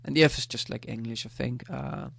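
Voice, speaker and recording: A man giving a pronunciation lesson. He talks slowly and hesitantly, with many fillers, and repeats the sounds he teaches. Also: medium pitch, gravelly, a bit bright, husky, no echo. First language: Danish. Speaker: language teacher.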